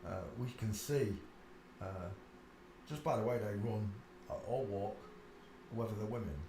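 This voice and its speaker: In an echoey room with faint ambience and some background noise, a channel host speaks in a lowish, unhurried voice. He rambles casually but insistently as he goes through pictures, peppering his talk with asides and frequent "uh"s.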